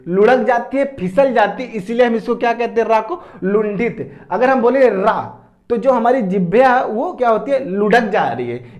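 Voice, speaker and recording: High-voiced man teaching grammar. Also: a little mellow. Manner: asks questions and answers them himself; repeats key terms, drawing out syllables. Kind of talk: exam-prep lecture.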